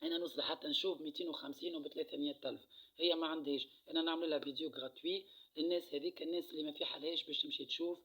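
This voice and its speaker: A man's voice: a little high, steady tone, rapid-fire, fairly bright tone, breathy edge, rough recording. A man with a Tunisian accent giving a casual card-reading monologue, repeating phrases and letting them trail off into a near-murmur. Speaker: card reader.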